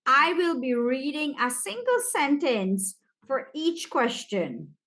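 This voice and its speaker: A woman with a Caribbean accent takes her students through a practice exam, speaking to them directly. She talks at an unhurried, slow pace in a slightly high voice. Her manner is relaxed and chatty. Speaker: teacher.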